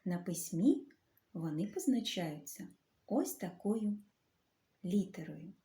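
A woman teaching a literacy lesson to young children. She talks slowly and clearly and draws out the sounds. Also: fairly low pitch, animated, dark tone. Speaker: primary school teacher.

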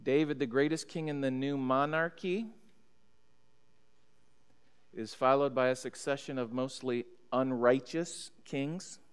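American pastor teaching in a reverberant church. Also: male voice, mid-range voice, measured pace, long pauses, smooth. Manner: teacherly, checks in with listeners, reads scripture aloud. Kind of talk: Bible study lesson. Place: church sanctuary at a pulpit. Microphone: stand mic on pulpit, far camera. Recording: long church hall reverb.

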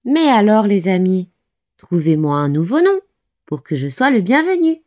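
A woman voicing a cheerful, friendly male beaver in a storybook, bright and a little puzzled. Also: medium pitch, very animated, normal speed, pitched above the performer's own voice, lightly acted.

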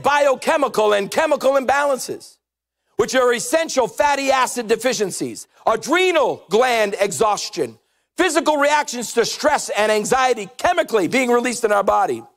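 A middle-aged pastor with a very high-pitched voice preaches on a church stage using a headset microphone. His sermon is humorous and animated, punctuated by occasional shouted points.

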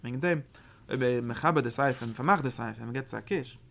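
A man giving a study lesson on mystical texts as a Torah teacher, talking in a halting, searching way and often repeating phrases. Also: mid-range voice, gravelly, fairly bright tone.

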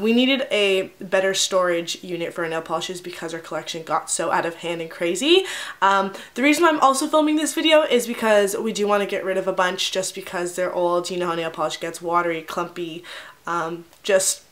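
A woman's voice: medium pitch, a bit bright. A young woman chatting casually as a beauty vlogger, with lots of ums and likes, recorded in her home bathroom with an echoey sound. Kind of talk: casual chat.

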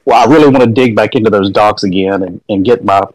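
A man's voice: on the low side, fast, darkish tone, no room sound, low-quality recording. A man from a meme coin team talking easygoing and informal in a casual online audio chat.

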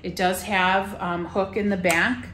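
A woman's voice: mid-range voice, flat delivery, a little slow, fairly bright tone, soft background music. Woman in her thirties, shop host, enthusiastic casual showcase, roomy echo. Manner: chatty and enthusiastic, lots of fillers. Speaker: shop host presenting items for sale. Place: indoor shop room full of farmhouse decor.

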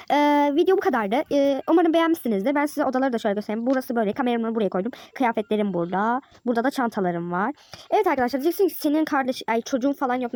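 A woman's voice: sits high, a little mellow, no echo. A woman narrating a role-play game vlog, talking straight to her viewers in a chatty way with dramatic, exasperated sighs.

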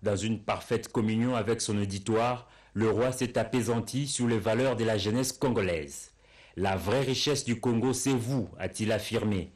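A man reading a scripted news report in a steady, formal way. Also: fairly low pitch, normal speed.

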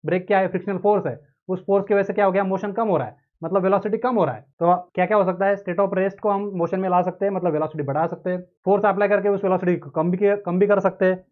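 A man's voice: high voice, steady tone, fast talker, few pauses. A man giving a classroom lecture on engineering. He explains with everyday examples and asks questions that he answers himself. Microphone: close mic. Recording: tinny narrow-band audio.

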